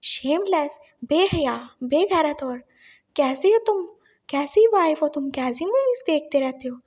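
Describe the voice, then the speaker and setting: A woman's voice: sits high, animated, a little slow, darkish tone. A woman voicing a drunk, childish young husband who whines and pleads like a little boy. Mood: scolding. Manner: whiny, babyish pleading.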